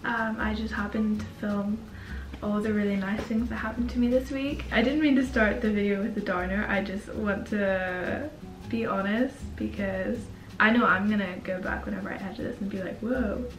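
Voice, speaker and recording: A woman's voice: medium pitch, little pitch movement, brisk. A young woman vlogger chatting casually to camera at home. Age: young adult. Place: indoors in an apartment. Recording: roomy, distant mic, music behind.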